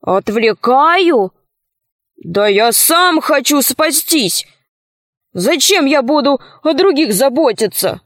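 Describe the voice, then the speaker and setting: A woman's voice: on the high side, lively intonation, slow, no echo, clean studio sound. A woman voicing a sly, cowardly male wolf who whines and wheedles out of trouble in a storybook reading. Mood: indignant. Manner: pleading, self-pitying, wheedling.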